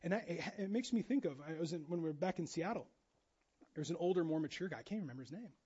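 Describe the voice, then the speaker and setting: A man preaching a sermon as pastor, animated and jokey, acting out quoted voices with casual asides. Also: a little high, racing, breathy edge, lo-fi sound. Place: church.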